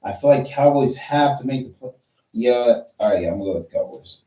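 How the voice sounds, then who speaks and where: A man's voice: mid-range voice, expressive, brisk, warm tone. A man co-hosting a podcast, laid back and thinking aloud as he lists his football picks. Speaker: podcast co-host. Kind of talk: casual sports chat. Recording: roomy echo, mic at a distance.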